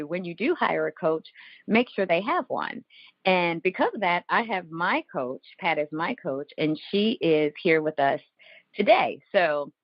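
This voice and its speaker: A woman with a low-pitched voice and a Southern Ohio Appalachian accent hosts a podcast. She speaks in a candid, conversational way. The recording is close and dry. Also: no echo, muffled recording. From Southern Ohio Appalachia, United States. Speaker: podcast host and coach. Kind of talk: conversational podcast introduction and chat.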